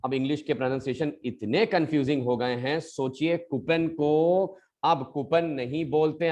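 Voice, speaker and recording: A male English teacher giving a pronunciation lesson, patiently addressing his students as children and repeating each word slowly to model it. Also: on the high side, lo-fi sound.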